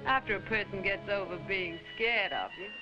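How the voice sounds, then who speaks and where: A woman's voice: mid-range voice, normal speed, lightly acted. A woman playing a teasing, chatty young adventuress in an old film drama. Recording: dull old film soundtrack with loud music.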